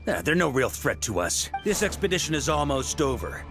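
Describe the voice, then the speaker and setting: An actor playing a confident veteran grandmaster knight in a video game, commanding and breezy. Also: male voice, a little high, very animated, a little fast, big-room sound, over music. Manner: commanding, breezy and self-assured.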